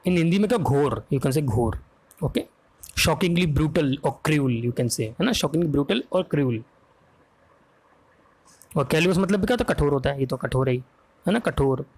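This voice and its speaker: Indian male tutor, slightly high voice, patient spelling-out delivery, constant check-ins with students. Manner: explains slowly, spells words letter by letter, asks "ok?" and "है ना?" often. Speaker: English grammar teacher. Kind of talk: exam-prep vocabulary lesson in Hindi with English words.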